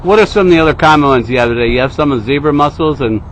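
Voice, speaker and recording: A man's voice: fairly high pitch, very fast, poor audio. A man conducts an informal interview on location, asking questions and making short comments. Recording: loud outdoor background noise, vehicles.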